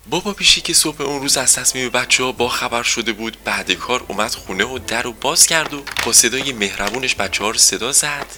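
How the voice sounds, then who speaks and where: A man narrating a children's story in a gentle storytelling manner. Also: medium pitch, few pauses, background noise.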